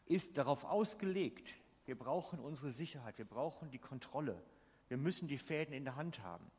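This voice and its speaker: A man's voice: medium pitch, husky. A man preaching a sermon, emphatic and putting questions to the congregation. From Switzerland. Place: church hall. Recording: long reverb of a church hall.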